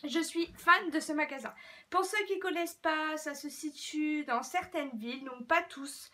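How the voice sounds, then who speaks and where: A chatty young woman from France talks through her latest shopping haul at home. Her voice sits high and bright, and she rambles along with fillers and stumbles. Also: a little slow. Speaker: beauty vlogger. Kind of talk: casual haul video chat.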